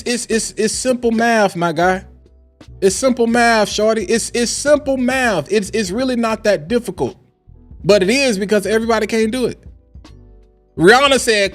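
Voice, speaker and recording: Male livestream host, high voice, hyped rants with calm dips, faint music underneath. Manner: hyped, loud and then dropping low to calm down. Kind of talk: animated livestream rant. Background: faint background music.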